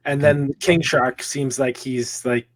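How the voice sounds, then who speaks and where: A man's voice: medium pitch, fairly even intonation, slow pace. A man co-hosting a casual comic-shop podcast, joking as he leads the group through the news. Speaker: podcast co-host. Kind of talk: casual chat.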